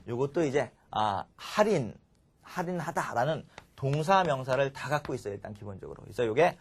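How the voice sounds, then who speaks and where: Animated male English lecturer. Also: mid-range voice. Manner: animated, drills students with call-and-response. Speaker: English teacher.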